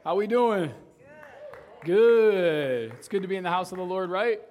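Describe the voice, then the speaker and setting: A youth pastor, a young man with a somewhat high, slightly raspy voice from earlier shouting, leads a church service with a casual, conversational sermon. Speaking a little slowly, he keeps tagging his points with "right?" to check in with the congregation.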